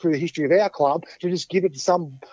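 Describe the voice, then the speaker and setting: A muffled, dry lo-fi recording of an Australian man with a slightly high voice. He talks like a matey Aussie tradesman, plain and blokey, in a casual debate. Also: quick pace, darkish tone, no echo. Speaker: football club supporter giving his view. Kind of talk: casual radio phone-in debate.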